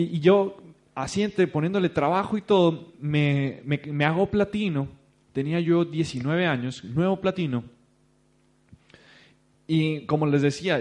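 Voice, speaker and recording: A young man with a Mexican accent giving a motivational talk to a seated audience, telling his story with lively bursts of emphasis. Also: a little high. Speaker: seminar speaker. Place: stage before a seated audience.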